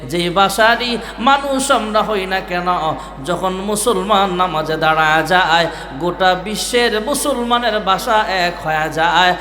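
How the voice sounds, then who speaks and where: A man's voice: high-pitched, measured pace, sharp tone. A man from Bangladesh preaching a waz sermon, chanting in a sing-song way and calling on the crowd to respond. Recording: echoey hall with music behind.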